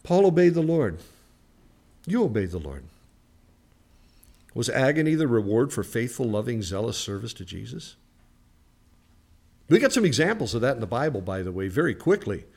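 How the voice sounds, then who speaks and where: A male pastor delivering a sermon, moving between loud, emphatic preaching and quiet storytelling, with rhetorical questions and acted-out quotes. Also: medium pitch, big pitch swings, normal speed, gravelly, pauses often, slightly rough.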